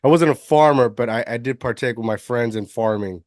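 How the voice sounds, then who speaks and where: A man's voice: medium pitch, brisk, a little mellow, dry recording, clean studio sound. A man from Puerto Rico hosting a podcast interview, enthusiastic and often restarting his sentences. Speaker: podcast host. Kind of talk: casual interview chat.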